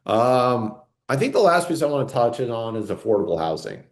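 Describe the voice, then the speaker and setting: A man's voice: mid-range voice, big pitch swings, fairly quick. A man co-hosting a podcast in casual chat, rambling with lots of fillers and "right?" tag questions. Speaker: podcast co-host.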